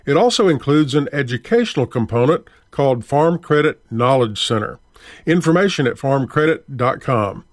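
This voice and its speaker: Speaking at medium pitch and a moderate pace, a male farm radio host delivers rural news and sponsor copy in a steady announcer style. The studio mic recording is dry.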